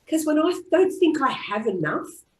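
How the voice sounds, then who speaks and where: A woman with an Australian accent leading a live online group tapping class, speaking in calm, repeated affirmation-style phrases. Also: high-pitched, moderate pace. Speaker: EFT tapping practitioner. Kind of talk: guided group tapping session. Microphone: online video call. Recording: roomy echo.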